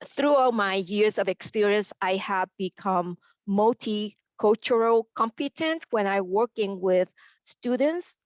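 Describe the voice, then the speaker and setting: A woman, a panelist carefully reading her personal story with halting pauses. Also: medium pitch, no room sound, highs cut off. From Vietnam. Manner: slow, careful, halting delivery.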